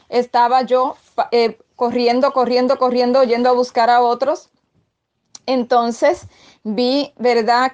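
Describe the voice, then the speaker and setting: High-voiced woman giving testimony. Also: darkish tone, highs cut off. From Puerto Rico. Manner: earnest, with frequent fillers and repetitions. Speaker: testimony speaker recounting a dream. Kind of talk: spoken religious testimony.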